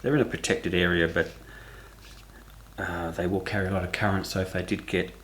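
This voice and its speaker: Low-voiced Australian man narrating car work. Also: fairly quick, a little hiss or hum. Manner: relaxed, thinking aloud while working. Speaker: DIY car vlogger. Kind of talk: casual how-to narration. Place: at a car's engine bay, working on it.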